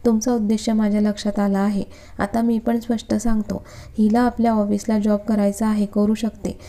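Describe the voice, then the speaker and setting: A hot-tempered young businessman from a storybook love story, curt and commanding, read by a woman narrator. The tone is dark and soft-edged. The delivery stays flat and level. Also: mid-range voice, lightly acted. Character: stern young male businessman, short-tempered. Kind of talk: storybook reading.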